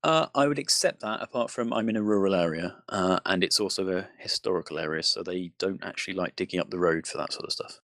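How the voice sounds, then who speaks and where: A man from the UK hosting a casual podcast chat, relaxed and self-deprecating. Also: low voice, quick pace, creaky, few pauses, no room sound. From United Kingdom. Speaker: podcast host.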